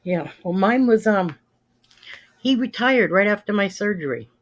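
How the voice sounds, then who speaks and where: Her voice medium-pitched and expressive, a livestream host in her fifties chats casually with viewers at a measured pace. She speaks plainly and with emphasis, repeating phrases for stress.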